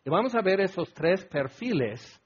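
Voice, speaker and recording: A man preaching a sermon, telling stories with bursts of loud acted quotes and a husky voice. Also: sits high, sing-song, normal speed, lo-fi sound.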